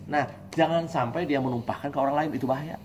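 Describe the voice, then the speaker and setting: A man preaches at a religious study gathering. He talks in a lively, joking way and mimics husbands and wives. His voice sits a little high, with a faint room hum behind it. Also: fast talker.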